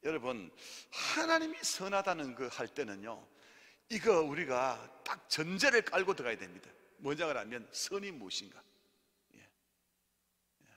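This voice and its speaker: A male pastor teaching theology in a church, animated and leading the congregation in repeat-after-me lines and amens. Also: a little high, unhurried. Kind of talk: sermon-style theology class. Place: church hall. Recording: hall reverb.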